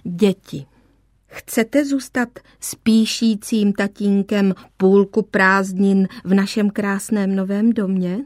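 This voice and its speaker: A woman's voice: medium pitch, fairly even intonation, a little mellow, no echo, studio quality, close to an everyday voice. A woman reading an audiobook, voicing a playful mother coaxing her children. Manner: coaxing, teasing.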